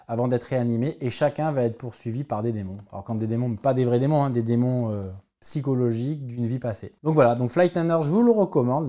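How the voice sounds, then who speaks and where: Mellow-voiced man rambling about films. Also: mid-range voice. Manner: rambling, self-correcting, frequent hesitations. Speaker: film collector and channel host. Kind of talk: casual film collection review vlog.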